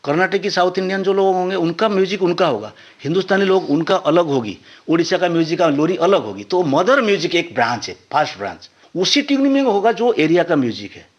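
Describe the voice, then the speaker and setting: A man's voice: high voice, big pitch swings, brisk, few pauses, highs cut off. A man, a violinist guest, explaining music step by step in an earnest, teacherly way. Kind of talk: explanatory interview talk.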